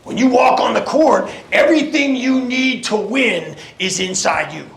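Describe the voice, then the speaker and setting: Male coach, high-pitched and gravelly, preaching a pre-game pep talk with hammered repetition, in an echoey room. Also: a little slow. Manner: impassioned, preaching, emphatic repeated phrases. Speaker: motivational coach, guest speaker.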